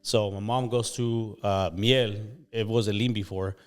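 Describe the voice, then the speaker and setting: Man, 40s, from Mexico, low voice, laid-back guest. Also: unhurried, clean tone. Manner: relaxed, laid-back, many you knows. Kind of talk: casual interview.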